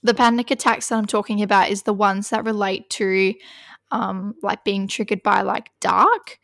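A woman chats casually as a podcast co-host. Her voice has a gravelly fry and sits at a middle pitch. The sound is dry and close, with no room around it. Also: fairly even intonation, moderate pace, a bit bright, no echo. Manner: chatty, filler-heavy, many "like"s. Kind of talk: casual chat.

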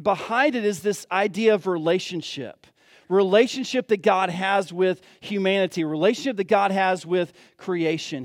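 Guy preaching a sermon, kinda high voice, dry close sound, repeats stuff for emphasis. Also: dry recording. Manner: earnest, repeats key phrases for emphasis.

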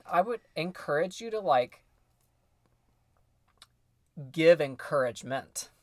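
A man co-hosting a casual podcast as a choir director, animated and quick to laugh at himself. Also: fairly high pitch, no echo.

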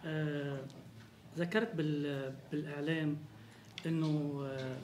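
A man's voice: on the high side, little pitch movement, measured pace, darkish tone. A man with a Levantine Arabic accent working as an interviewer, repeating words as he frames questions about film. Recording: echoey room with faint noise.

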